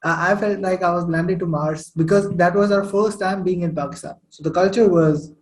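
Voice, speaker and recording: Young guy guesting on a podcast, high voice, rambling storyteller, lots of "you know". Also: steady tone, moderate pace, rough recording. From Saudi Arabia. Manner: chatty storytelling with many fillers. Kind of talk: casual interview chat.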